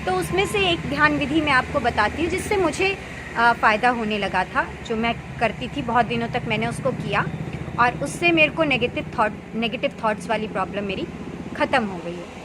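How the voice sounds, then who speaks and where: A woman in her thirties, a meditation practitioner, earnestly explaining a practice in unhurried casual talk with pauses and fillers. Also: on the high side, animated, background noise. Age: 30s. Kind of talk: casual spoken advice.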